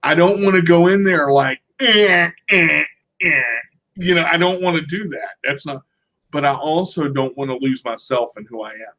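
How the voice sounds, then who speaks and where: A man telling stories in a casual conversation, animated and often repeating his words as he gets going. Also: on the high side, fairly quick. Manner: animated storyteller, repeats words when starting. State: uses a wheelchair.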